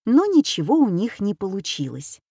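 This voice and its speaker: A woman reading a children's adventure story aloud in a slow, measured way. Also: medium pitch, huge pitch swings, mellow, slightly rough, no echo, studio quality. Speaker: audiobook narrator. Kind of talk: scripted narration.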